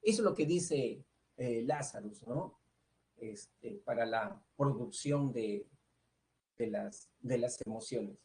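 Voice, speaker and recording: A man's voice: mid-range voice, a little mellow. Peruvian man teaching psychology. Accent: Peruvian Spanish. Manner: explanatory, tags nearly every phrase with a questioning "¿no?"; fills pauses with "este" and "eh". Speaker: pre-university psychology teacher. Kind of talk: online lecture to students.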